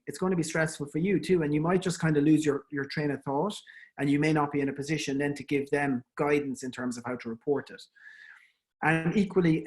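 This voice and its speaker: Irish man lecturing, slightly high voice. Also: darkish tone. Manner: conversational, frequent ums and restarts. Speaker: endodontist giving an online talk. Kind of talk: informal webinar lecture.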